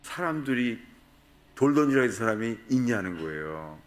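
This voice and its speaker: A man's voice: medium pitch, sing-song, normal speed. A man preaching a sermon at a prayer retreat, asking the congregation questions and acting out quoted voices. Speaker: pastor.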